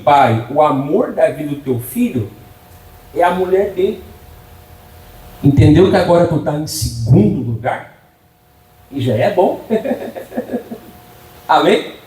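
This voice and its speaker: A man's voice: on the high side, expressive, a little slow, long pauses, mellow. A middle-aged man, preaching a folksy, humorous sermon and asking for amens from the congregation. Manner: humorous, folksy preaching with frequent call-and-response. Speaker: pastor. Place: church. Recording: echoey church from a distance.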